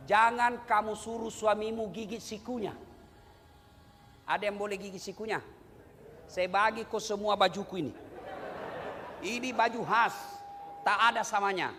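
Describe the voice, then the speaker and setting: High-voiced man preaching in an echoey hall. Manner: playful, teasing the audience, swings between soft asides and loud bursts. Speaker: Islamic preacher. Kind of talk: humorous sermon to a crowd. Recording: echoey hall with steady background noise.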